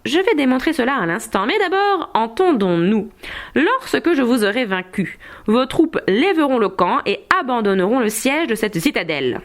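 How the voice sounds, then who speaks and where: A woman's voice: on the high side, big pitch swings, normal speed. A woman reading aloud, voicing a cocky young male knight who taunts his opponent cheekily. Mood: taunting.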